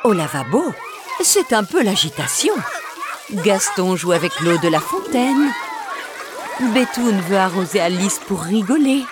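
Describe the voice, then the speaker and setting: Slow expressive woman reading a children's story. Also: mid-range voice, crowd noise, background noise. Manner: slow, expressive, sing-song.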